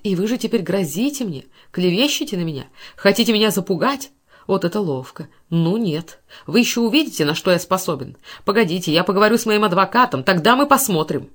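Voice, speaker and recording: A woman's voice: medium pitch, lively intonation, fairly quick, close to an everyday voice. A woman voicing a hot-tempered, cowardly male violinist who blusters and threatens melodramatically. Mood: blustering. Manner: shouting, melodramatic.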